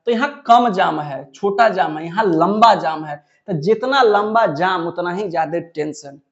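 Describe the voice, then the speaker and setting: High-voiced male physics teacher. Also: a little slow, lo-fi sound. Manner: repetitive, asks questions then answers them himself. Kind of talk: classroom lecture.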